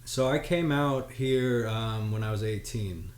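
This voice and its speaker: A man in his twenties, a drummer guest, telling his story in a relaxed, loose way full of fillers. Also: medium pitch, a little slow. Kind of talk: casual interview chat. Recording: echoey room with faint noise.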